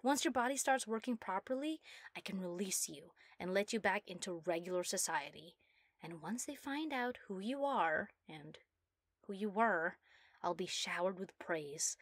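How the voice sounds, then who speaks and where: A woman voicing a proud, giddy young mad scientist obsessed with her work, theatrical and self-satisfied, in a soft ASMR role-play. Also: medium pitch, lively intonation, normal speed, dry recording. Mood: triumphant, proud.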